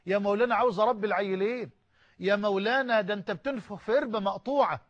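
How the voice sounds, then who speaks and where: A man's voice: high voice, very fast, lo-fi sound. A man preaching a sermon with an Egyptian Arabic accent, impassioned and rising to emphatic outbursts.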